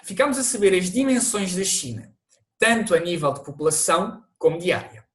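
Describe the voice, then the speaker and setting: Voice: medium pitch, animated, fairly quick. A teacher with a European Portuguese accent, narrating an online language lesson and explaining things to viewers, with the odd restart.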